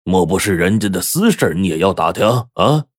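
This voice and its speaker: A man voicing a gruff elderly chess player who speaks with dry reproach. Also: sits low, sing-song, fairly quick, heavily acted. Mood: reproving. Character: gruff old lame man playing chess.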